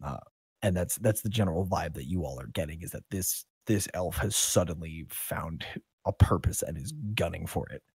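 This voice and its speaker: A man's voice: deep voice, normal speed, darkish tone, husky, no room sound. A man narrating a tabletop game as game master, casual and rambling, with jokes and swearing.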